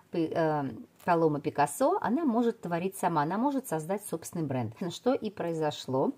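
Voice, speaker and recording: A woman's voice: on the low side, mellow. A middle-aged woman reviewing a perfume in a casual video, rambling with many fillers and restarts.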